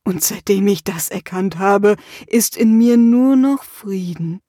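Gentle male storybook dwarf, slow and serene, read by a woman. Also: medium pitch, no echo, studio quality. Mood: calm. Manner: slow, calm, gravelly.

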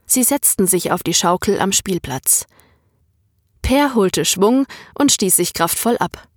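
Slow, calm woman reading a story. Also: medium pitch, no room sound, studio quality. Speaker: audiobook reader. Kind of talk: scripted narration.

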